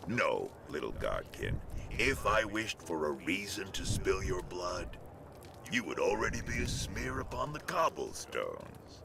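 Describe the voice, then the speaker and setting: An actor playing a hulking, menacing ogre thug boss in a video game, haughty and contemptuous, with a gravelly growl. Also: male voice, low-pitched, wildly swooping pitch, a little slow, noisy background, exaggerated voice. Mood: dismissive menace. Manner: haughty, threatening, speaks of self in third person. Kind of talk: video game character dialogue.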